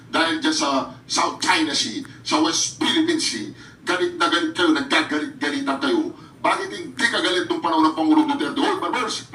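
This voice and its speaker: A man's voice: a little high, sharp tone, roomy sound, far from the mic, a little hiss or hum, poor audio. A man doing mocking reaction commentary, taunting, often bursting into laughter and addressing his viewers directly. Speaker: reaction vlogger.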